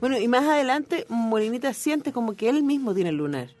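A speaker in casual literary discussion, explaining a book's experimental passages at a measured pace. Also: medium pitch, very animated, darkish tone, slight background noise. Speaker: book club discussant.

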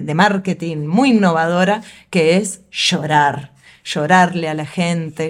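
Woman, low voice. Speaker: segment presenter. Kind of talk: scripted segment with banter.

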